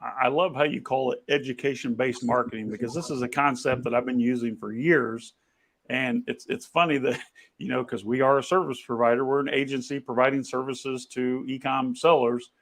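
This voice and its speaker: A man hosting a podcast over a video call, telling an animated anecdote full of restarts in a conversational way. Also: medium pitch, normal speed. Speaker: podcast host. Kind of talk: conversational storytelling. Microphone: video call camera.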